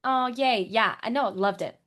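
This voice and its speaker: A woman's voice: fairly high pitch, normal speed. Chatty young woman podcast co-host. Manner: animated, rambling, laughs often. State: recovering from illness. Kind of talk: casual chat.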